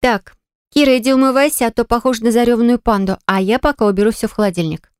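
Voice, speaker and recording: A woman voicing a brisk, commanding young woman in an audiobook, speaking high and bright as she gives orders. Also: lively intonation, no echo, clean studio sound. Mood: bossy. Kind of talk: audiobook character voice.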